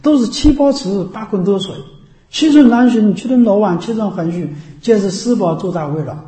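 Speaking as a Buddhist teacher in a dharma talk, a man explains points repeatedly and keeps making sure his listeners follow. He has a high voice with a dark tone and talks at normal speed, in an echoey room.

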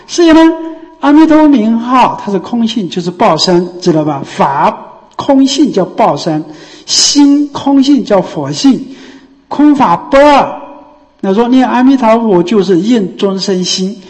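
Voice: medium pitch, lively intonation, measured pace, a little mellow. Buddhist teacher, in a reverberant hall. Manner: explains step by step, with frequent rhetorical questions. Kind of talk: dharma talk.

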